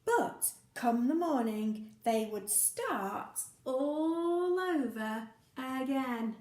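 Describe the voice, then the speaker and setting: With a high-pitched voice and drawn-out words, a woman teacher reads a picture story to young children. She's playful and expressive, adding sound effects and asking the listener questions. The room sounds roomy.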